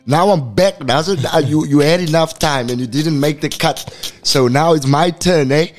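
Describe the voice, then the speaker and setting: A man's voice: on the high side, moderate pace, a little hiss or hum. A man with a Cape Town South African accent talking casual, boastful hype in street slang mixed with Afrikaans phrases, like a rapper guest. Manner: boastful, swaggering.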